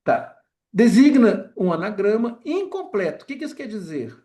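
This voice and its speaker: A man with a Brazilian accent giving an academic lecture, pausing often and filling gaps with short filler words and tag questions. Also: sits high, big pitch swings, mellow.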